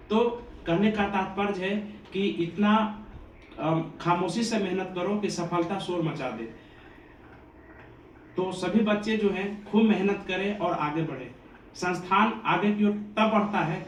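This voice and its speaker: A man from Bihar who runs a coaching institute, giving an earnest, devotional motivational address to students. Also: sits high. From Bihar, India. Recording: echoey room, distant mic, faint ambient noise.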